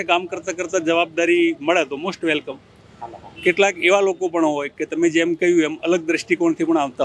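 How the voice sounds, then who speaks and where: A middle-aged man answering interview questions as a district party president, earnest, formal and measured. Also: on the high side, fairly bright tone.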